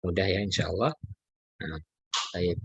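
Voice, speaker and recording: Man, Indonesian accent, Quran reading teacher, low voice, dry close sound, patient syllable drills. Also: normal speed, fairly bright tone, breathy edge, no room sound. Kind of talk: online Arabic letter lesson.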